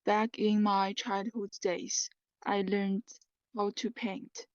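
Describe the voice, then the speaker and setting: A woman learner gives halting, unhurried practice answers full of fillers. The sound is dull and lo-fi, like call audio, and the voice is dry and close. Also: mid-range voice, flat delivery, dry recording. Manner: halting, hesitant, with many fillers. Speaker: English learner. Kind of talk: speaking test practice answers.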